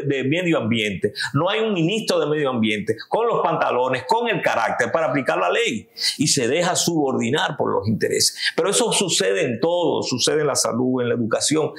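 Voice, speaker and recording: A Dominican man in his fifties with a creaky, somewhat bright voice speaks Spanish in a Dominican accent, sounding roomy. Seated in a living room as a political interview guest, he argues emphatically, gestures, and rises in pitch to stress points.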